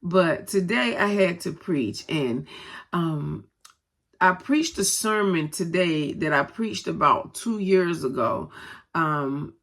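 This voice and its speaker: A grandmother who is also a co-pastor vlogs casually with a stuffy nose from a head cold, talking straight to her viewers with lots of "um"s. Her fairly low, slightly bright voice has lively intonation and an unhurried pace.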